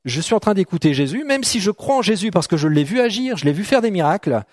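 In a church hall, a middle-aged man preaches to a congregation conversationally, often checking in with "d'accord?" and joking with people in the room. His voice sits high and sounds sing-song and a little mellow at a quick pace. The recording is studio quality with no room sound.

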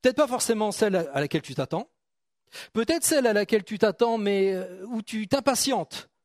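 A man's voice: sits high, lively intonation, brisk, dry recording, studio quality. A man preaching a sermon in a casual, joking way, with frequent restarts and questions to the congregation. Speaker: pastor.

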